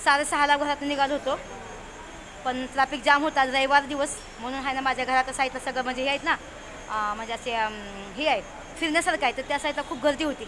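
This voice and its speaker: Chatty high-voiced woman vlogging on the road. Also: steady tone, quick pace. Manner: chatty, talks to viewers and the friend filming. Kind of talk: casual travel vlog. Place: in a car, then at a bus depot. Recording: noisy phone video from a car and a depot. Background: traffic and street noise.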